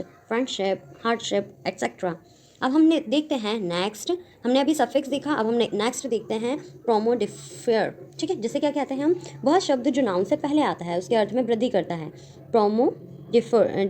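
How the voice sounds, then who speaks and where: A woman's voice: a little high, a little mellow, slight background noise. Woman teaching English grammar in Hindi. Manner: explains each term, then reads out English examples slowly; checks in with frequent "theek hai" and "okay". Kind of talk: Hindi-language grammar lesson from slides.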